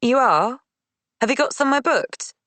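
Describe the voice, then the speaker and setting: A male narrator voicing a determined female police detective who asks brisk, probing questions, with a dry sound. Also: very high-pitched, animated, pushed and bright, no echo, pitched above the performer's own voice, exaggerated voice.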